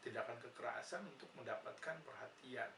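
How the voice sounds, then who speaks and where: A man with an Indonesian accent explains psychology as a nursing lecturer, pausing on "ya" and posing rhetorical questions. He sounds far from the microphone in an echoey room. A clear background hiss sits under his voice. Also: medium pitch. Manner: patient, asks rhetorical questions and answers them, frequent "ya" fillers. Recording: roomy, distant mic, noisy background.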